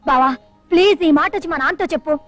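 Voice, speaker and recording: A woman's voice: very high voice, very fast, a bit bright. A woman playing a flighty young daughter in an old film comedy, giggly and mixing in English words. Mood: teasing. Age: young adult. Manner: giggly, mixes English words, repeats a pet phrase. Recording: dry old film soundtrack with music.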